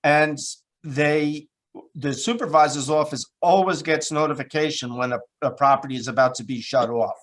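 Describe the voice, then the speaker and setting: A town supervisor chairs a board meeting over a video call, speaking plainly and haltingly with many fillers. His voice is fairly high and fairly bright.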